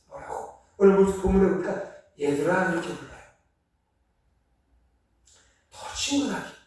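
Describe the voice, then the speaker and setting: A man preaching a Sunday sermon as pastor, earnestly swinging between loud emphasis and soft, hushed passages. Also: sits high, very echoey, recorded from a distance. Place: church sanctuary.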